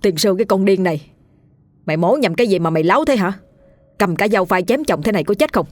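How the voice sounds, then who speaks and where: A woman's voice: lowish voice, fairly quick, darkish tone, dry recording, close to an everyday voice. A woman voicing a burly, blunt village man who barks and scolds, in an audio ghost story. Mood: gruff. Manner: barking, scolding.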